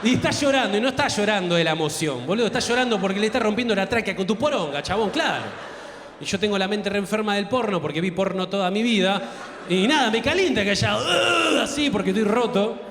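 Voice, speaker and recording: A man's voice: high-pitched, lively intonation, quick pace, fairly bright tone, slight background noise. A young Argentine man doing crude stand-up comedy on a theater stage, working the crowd and acting out voices. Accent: Argentine Spanish. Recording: echoey theater hall.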